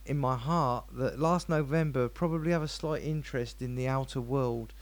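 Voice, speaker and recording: A man's voice: mid-range voice, moderate pace. A man co-hosting a show, telling rambling, playful stories in casual chat. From England. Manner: rambling, animated, playful storyteller. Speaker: radio show co-host.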